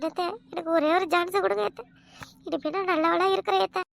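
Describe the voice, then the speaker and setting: A woman voicing a pleading young village wife with a Kanyakumari Tamil accent, begging softly in a cartoon comedy. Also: very high-pitched, fairly even intonation, quick pace, vocal fry, dry recording. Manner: begging, tearful, soft-spoken.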